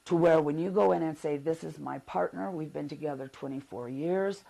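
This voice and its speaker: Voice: medium pitch, normal speed, gravelly, warm tone, rough recording. A reverend, talking earnestly and upbeat in an interview.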